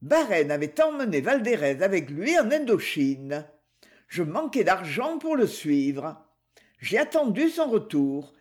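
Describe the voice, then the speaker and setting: A woman's voice: on the low side, very animated, a little slow, a little mellow. A woman reading aloud, voicing a jealous, vengeful male bandleader who speaks coldly and cynically. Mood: bitter. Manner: cold, cynical.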